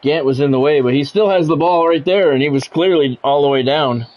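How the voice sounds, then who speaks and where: A middle-aged man with a fairly high, brisk voice provides play-by-play for a sports video game, reacting bluntly, with swearing and exasperation. The audio is dull and lo-fi, with faint background noise.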